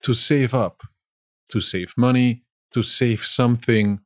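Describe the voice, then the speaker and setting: A man from Spain with a Spanish accent, teaching vocabulary in a slow lesson and saying each word twice. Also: medium pitch, steady tone, no echo, studio quality.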